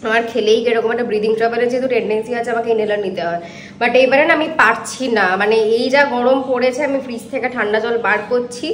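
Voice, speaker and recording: A woman vlogging casually from her home, chatting directly to her viewers. Her voice sits fairly high, and she sometimes drops to a hushed tone. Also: slight background noise. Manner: chatty, addresses viewers directly, drops to hushed talk near sleeping pets. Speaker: vlogger and pet owner. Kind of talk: casual home vlog chat. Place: home indoors.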